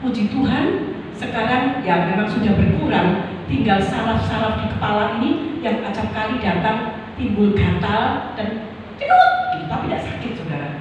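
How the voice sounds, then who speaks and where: A woman's voice: a little high, sing-song, moderate pace, dull audio, background noise. An older woman preaching a sermon, often calling to the congregation and acting out pleading prayers. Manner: addresses the congregation as saudara, acts out pleading prayers. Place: church hall. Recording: echoey church hall from far off.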